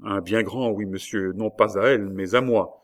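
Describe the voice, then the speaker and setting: A man's voice: lowish voice, steady tone, normal speed, close to an everyday voice. A man reading aloud voices an earnest, bold young woman who grows tulips, talking in an insistent, pleading way. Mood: anxious.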